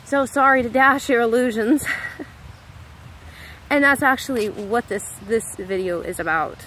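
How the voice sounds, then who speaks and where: In a casual spiritual monologue to camera, an American woman in her thirties rambles into tangents and keeps correcting herself. This vlogger speaks at a measured pace in a fairly high voice, with background noise present.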